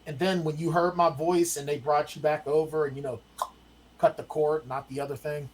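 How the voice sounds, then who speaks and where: A middle-aged man telling family stories in a casual, animated way, acting out the quotes. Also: a little high, moderate pace, very noisy. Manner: animated storyteller, acts out quotes. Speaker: guest, the host's father.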